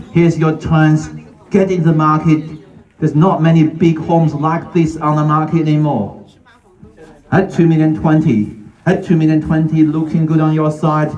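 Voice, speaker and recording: High-voiced male auctioneer, echoey and distant. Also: a little mellow, lo-fi sound. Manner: showman-like, addressing a crowd with repeated short phrases. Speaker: real estate auctioneer. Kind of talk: live auction calling, repeating bids and calls to buyers. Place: live property auction before gathered buyers.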